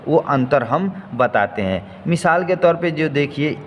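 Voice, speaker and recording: Slow patient male teacher, echoey room. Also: fairly high pitch, animated. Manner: patient, repeats each point slowly. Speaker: Urdu writing teacher. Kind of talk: slow step-by-step lesson. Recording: faint noise, long hall reverb.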